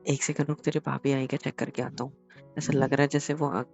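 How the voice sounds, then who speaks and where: A man's voice: medium pitch, little pitch movement, fairly quick, vocal fry, darkish tone, highs cut off, faint music behind, close to an everyday voice. A man playing a flustered young husband in a comedy sketch, stammering out pleading excuses. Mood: sly.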